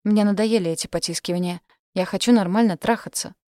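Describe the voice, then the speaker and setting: A man's voice: high voice, quick pace, a little mellow, no echo, natural voice. Rude, impatient young boyfriend, harsh and mocking as voiced by a woman reading an audiobook, dry, close sound. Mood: angry.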